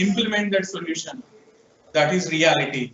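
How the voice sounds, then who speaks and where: Drawing out his words in a fairly high, fairly bright voice, a man with a Telugu accent teaches programming to a classroom. He quizzes students and prompts them to respond, while the recording sounds distant, echoey, dull and lo-fi.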